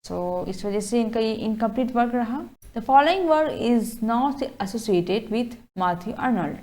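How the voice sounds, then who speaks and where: A woman's voice: on the high side, lively intonation, darkish tone. A woman with an Indian accent teaching an exam-prep literature class, mixing Hindi and English and often checking in with her students. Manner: explains slowly, keeps checking in with "ठीक है?". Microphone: lapel mic.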